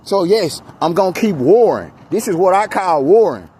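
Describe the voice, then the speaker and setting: Mellow yet animated, his high voice keeps a normal speed as he walks down the street. This exasperated American vlogger is venting and preaching, casual and emphatic, saying things over and over. It was recorded handheld outdoors amid street noise.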